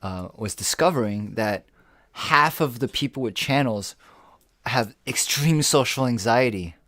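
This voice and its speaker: A man co-hosting a podcast in casual chat, rambling and swearing freely as he thinks out loud. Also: medium pitch, unhurried, no echo. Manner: rambling, profane, animated. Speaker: podcast co-host.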